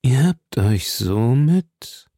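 A man voicing a powerful, scheming old cardinal who speaks slowly and probingly. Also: lowish voice, gravelly, dry recording, clean studio sound. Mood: mild. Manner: slow, measured, probing.

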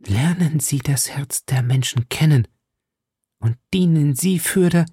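A proud noblewoman who pleads her case with bitter intensity, read by a man in his own gravelly, creaky voice. Her words sink into hushed whispers at times, and the audiobook recording is close and dry. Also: a little high, a little slow, no echo, pitched above the performer's own voice, full character voice.

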